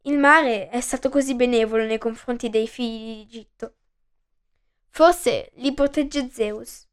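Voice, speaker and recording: A nervous young handmaid, voiced by a woman reading a myth, murmurs her doubts. Her voice is high. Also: measured pace, clean tone, lightly acted. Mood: doubtful. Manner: whispering, doubtful. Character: anxious young female handmaid.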